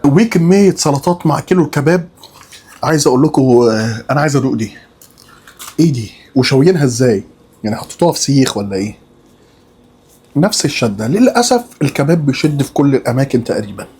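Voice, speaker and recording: A young man with an Egyptian accent reviewing food in a casual vlog, animated and joking, often exclaiming in surprise as he tastes. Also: medium pitch, quick pace, long pauses, husky. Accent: Egyptian Arabic.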